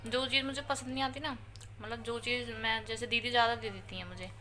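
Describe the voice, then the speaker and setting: A woman's voice: fairly high pitch, steady tone, a little fast, pushed and bright. A woman in her thirties chatting casually to viewers as a home vlogger and mother, playful with her children. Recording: noisy home recording.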